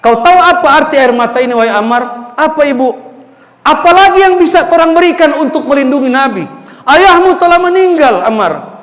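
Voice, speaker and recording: A man's voice: very high voice, lively intonation, brisk, a bit bright, voice pushed up. A man voicing a brave, devoted woman who pleads urgently. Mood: pleading. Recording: echoey mosque hall.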